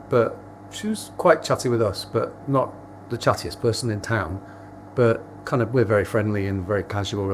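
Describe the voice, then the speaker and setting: A man's voice: lowish voice, a little hiss or hum, lightly acted. A man playing a friendly cinema worker in a mock-documentary interview, rambling and wistful. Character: friendly cinema worker recalling a missing regular customer.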